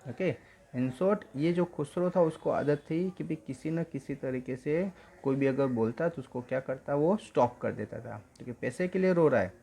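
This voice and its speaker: Speaking in a medium pitch, this man has a creaky, mellow voice with a breathy edge. He is a teacher going through an English story in Hindi, reading each English line slowly and then explaining it in mixed Hindi and English.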